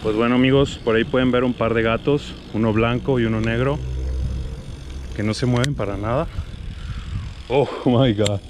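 A man's voice: mid-range voice, steady tone, brisk. Mexican man vlogging outdoors, noisy street sound. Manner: addresses viewers as friends, sprinkles in English swearing. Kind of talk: casual night exploration vlog narration. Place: outdoors on city streets at night, riding a bike. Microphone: action camera worn on the body.

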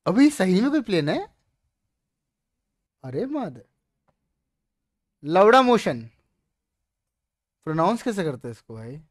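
A man's voice: high voice, sing-song, slow pace, pauses often, dry recording. A young man from India reacting to memes, swearing and laughing in casual slang. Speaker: meme reviewer. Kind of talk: casual meme reaction commentary.

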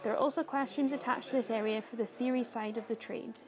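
A young woman giving a scripted guided tour, calm and informative like a guide, speaking clearly. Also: on the high side, quick pace. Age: young adult. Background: background music.

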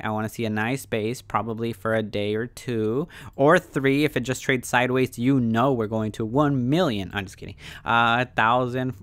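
A man giving casual, off-the-cuff trading commentary in slangy, excitable crypto-bro talk, often repeating phrases for emphasis. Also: on the low side, smooth, no room sound. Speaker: stock trading YouTuber.

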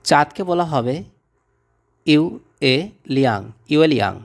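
A man with a fairly high voice runs a vocabulary lesson. He goes very slowly, naming each word and then repeating it with measured patience. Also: expressive. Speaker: language teacher.

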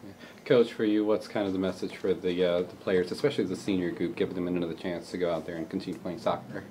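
A man, a reporter, asking questions in a halting way with many fillers. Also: deep voice, fairly even intonation, warm tone, slight background noise. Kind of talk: press conference questions.

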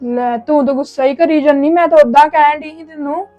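A woman's voice: high voice, fairly quick, warm tone, dry recording, soft background music, lightly acted. A woman playing a nosy, chattering friend. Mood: sulky. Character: gossipy young friend, nosy and boastful. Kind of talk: amateur family web drama.

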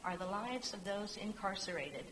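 A woman's voice: medium pitch, expressive, normal speed, fairly bright tone, a little hiss or hum. Insistent woman at council podium. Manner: insistent, rhetorical. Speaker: public commenter. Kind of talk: public comment at a council meeting. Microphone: podium microphone.

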